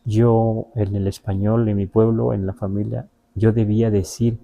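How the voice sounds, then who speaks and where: A man's voice: on the low side, little pitch movement, normal speed, gravelly, mellow. A man with a Mexican Spanish accent whose first language is Nahuatl, teaching in a patient, conversational way and checking in with his listeners. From Huasteca region of Veracruz, Mexico. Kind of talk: explanatory question-and-answer lesson.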